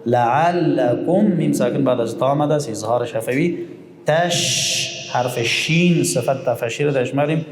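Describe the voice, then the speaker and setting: A man teaching Quran recitation, explaining rules and chanting verses slowly. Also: mid-range voice. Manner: explains slowly, then chants verses in long drawn-out tones. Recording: echoey room with long reverb.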